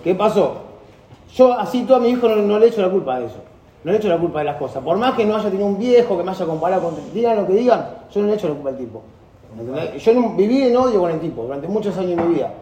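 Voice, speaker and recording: Fast-talking man with Rioplatense accent. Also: high-pitched, big pitch swings, mellow. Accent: Rioplatense Spanish. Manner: earnest, rambling, many restarts. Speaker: talk group participant. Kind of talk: personal storytelling in group talk. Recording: echoey room with faint ambience.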